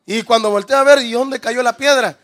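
A man's voice: very high-pitched, moderate pace, a bit bright. A man preaching a sermon, firing rhetorical questions at the congregation, calling them brother and acting out little scenes. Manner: rhetorical questions, calls listeners "hermano", acts out scenes.

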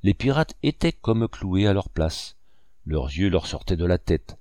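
A man reading a classic novel aloud as an audiobook narrator, in a steady, measured way. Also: low voice, no echo, clean studio sound. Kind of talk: scripted narration.

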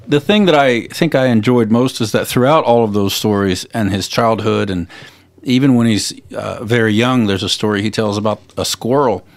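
A podcast co-host with a lowish voice talks at a normal speed in casual chat. He retells a story full of fillers and restarts.

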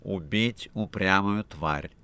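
A man voicing a cold, menacing demon servant in a low, muttering tone. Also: slow pace, bright, forceful tone, smooth, full character voice. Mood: sinister.

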